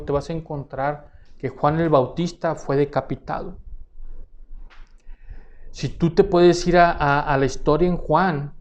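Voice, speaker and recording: Guy preaching, earnest, kinda high voice, keeps repeating words. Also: darkish tone, lo-fi sound. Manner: earnest, repeats words while searching for phrasing. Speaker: pastor. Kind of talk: sermon.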